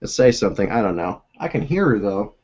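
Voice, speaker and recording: A man's voice: fairly low pitch, very animated, fast, a little mellow, dull audio. A young man hosting a casual video call chat, rambling and laughing often as he talks from a room at home. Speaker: host. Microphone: own desk microphone.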